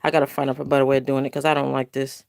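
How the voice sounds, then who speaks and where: A woman's voice: rumbling low, flat delivery, very fast, gravelly, darkish tone, no echo, clean studio sound. An older woman hosting a casual crafting livestream from home, chatting in a rambling, self-correcting way. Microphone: phone camera.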